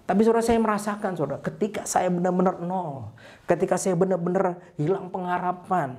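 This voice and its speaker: A man preaching an online sermon for an online service, telling a story with lively acted-out cries and dropping low and soft at the end of phrases. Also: fairly quick. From Indonesia. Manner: animated storytelling, acts out a crying eaglet; ends phrases with a low, soft address to listeners. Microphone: online service broadcast.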